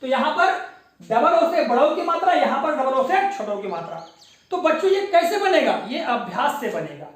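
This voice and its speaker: A woman's voice: sits high, big pitch swings, normal speed. A woman teacher giving a classroom spelling lesson, spelling words out letter by letter and quizzing her pupils. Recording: very echoey room, mic far off.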